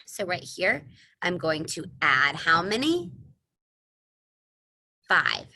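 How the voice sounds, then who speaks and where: An elementary school teacher speaks in a lowish voice that is sing-song, slow, pushed and bright. Using an exaggerated, encouraging kindergarten-teacher tone, she teaches young children a math lesson, asking questions and answering them herself.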